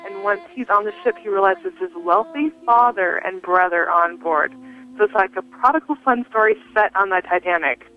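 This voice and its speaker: A woman author is the guest on the show. She briskly sums up her book in a phone-in interview. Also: mid-range voice. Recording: dull lo-fi phone line.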